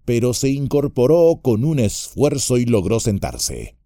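A man narrating an epic fantasy audiobook in a measured, expressive storytelling manner. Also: mid-range voice, no room sound, clean studio sound.

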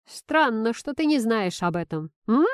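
A woman's voice: fairly high pitch, big pitch swings, unhurried, clean tone, dry recording, pitched above the performer's own voice. Lady doing a smug evasive boss guy, drawly and mocking, dry close audio. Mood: smug, drawling. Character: middle-aged male boss, smug and evasive.

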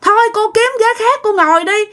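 A woman's voice: very high-pitched, brisk, fairly bright tone, voice pushed up. A woman voicing a frightened young bus passenger who pleads and protests, with a Southern Vietnamese accent. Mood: pleading.

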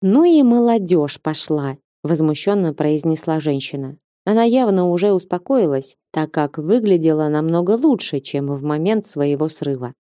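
Женщина читает аудиокнигу ровно и размеренно. Голос низковатый, тёплый и мягкий, запись сухая, близко к микрофону. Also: female voice, deep voice, expressive, moderate pace, few pauses, warm tone, no echo, clean studio sound. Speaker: audiobook narrator. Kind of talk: scripted narration.

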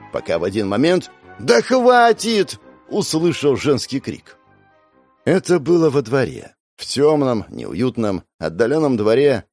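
A man narrating an audiobook in the first person, with expressive, wry storytelling. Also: medium pitch. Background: faint background music.

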